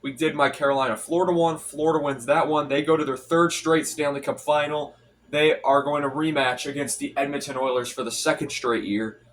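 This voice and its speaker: A young man who hosts a hockey commentary channel gives a casual solo recap, rattling off stats with frequent restarts and fillers. Allergies leave his voice congested and stuffy. It's a little high, fairly even in intonation and fairly quick, picked up by a distant mic.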